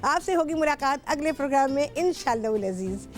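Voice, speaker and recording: High-voiced chatty Pakistani cooking host. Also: female voice, lively intonation, fairly quick, faint music behind. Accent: Pakistani Urdu. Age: middle-aged. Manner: talkative, instructive, repeats herself often. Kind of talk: chatty cooking show talk with callers. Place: television studio.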